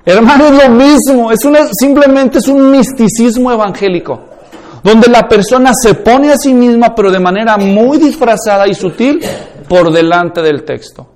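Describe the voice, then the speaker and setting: A man's voice: extremely high pitch, moderate pace, darkish tone. A man teaching a course on preaching, emphatic and full of rhetorical questions. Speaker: preaching instructor.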